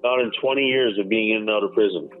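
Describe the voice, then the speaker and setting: A former inmate recounting events in a phone interview, talking emphatically and candidly, repeating himself and swearing now and then. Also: male voice, on the low side, quick pace. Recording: tinny phone line with faint music.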